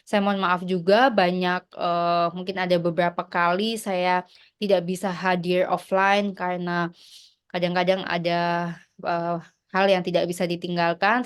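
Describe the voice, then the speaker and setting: Encouraging woman lecturer with a smooth voice. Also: on the low side. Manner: encouraging, mixes English phrases, many fillers. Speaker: university lecturer. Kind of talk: online class lecture. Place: online video class.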